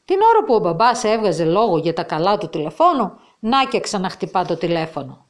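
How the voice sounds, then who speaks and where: A woman reading a children's story from an old school reader aloud, voicing the characters' lines with extra expression. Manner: expressive reading, raising pitch and voice for the quoted characters.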